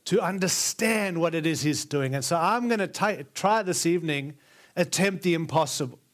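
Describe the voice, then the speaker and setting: Before a live congregation in a large church, an Australian-accented guest preacher speaks earnestly and emphatically, stacking repeated phrases to drive his point home. His voice is on the high side and expressive, at a moderate pace.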